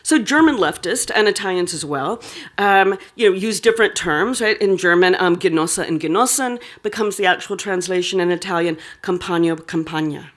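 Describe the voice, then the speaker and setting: A woman's voice: on the low side, moderate pace. Woman giving an academic lecture. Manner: reads a prepared text, with asides and fillers. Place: lecture hall.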